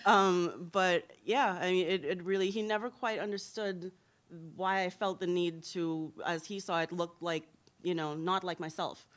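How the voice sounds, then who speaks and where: A woman's voice: lowish voice, steady tone, measured pace. A woman in her thirties from Trinidad and Tobago, a hair blogger answering interview questions in a candid storytelling way at a symposium.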